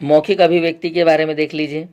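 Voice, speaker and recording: A male teacher giving an exam-prep lecture, explaining point by point, quizzing his students with repeated questions and often clearing his throat. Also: fairly high pitch, level tone, fast talker, darkish tone, lo-fi sound.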